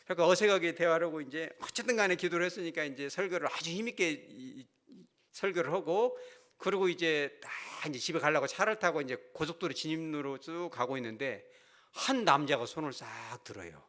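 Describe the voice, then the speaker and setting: A man's voice: fairly high pitch, a little fast, fairly bright tone. A male pastor preaching a sermon, telling a story with animation and putting questions to the congregation.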